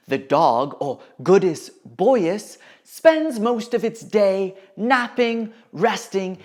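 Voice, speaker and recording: A woman presents a mock nature documentary with grave drama. She speaks slowly, with a lively rise and fall in pitch. Light music runs underneath. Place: studio. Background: background music.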